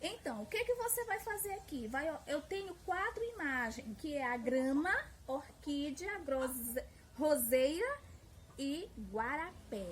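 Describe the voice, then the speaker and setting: Recording a lesson for young children, a woman teacher with a Brazilian Portuguese accent speaks patiently in a sing-song way, stretching out syllables. Her voice is high-pitched, animated and unhurried. She sits far from the mic in a room with roomy echo and a faint hiss.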